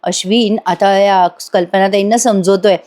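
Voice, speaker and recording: A woman reviewer retelling a TV serial episode in voice-over, speaking directly to viewers with lively storytelling. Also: mid-range voice, normal speed.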